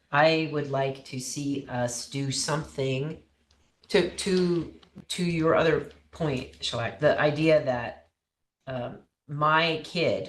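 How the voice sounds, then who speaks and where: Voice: medium pitch, roomy sound. A middle-aged council member speaking casually in a meeting, rambling with many fillers. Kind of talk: meeting discussion.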